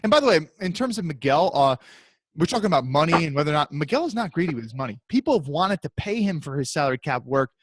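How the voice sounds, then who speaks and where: A man's voice: a little high, quick pace, background noise. A man hosting a casual sports podcast, teasing his co-hosts and talking over them. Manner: teasing, lively, talks over others. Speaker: podcast host.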